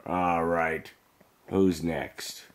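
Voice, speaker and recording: A man's voice: sits low, level tone, drawn-out words. A man voicing his toddler daughter as a teasing, mock-menacing little bully, in a home video. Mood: mock tough. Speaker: dad voicing his baby.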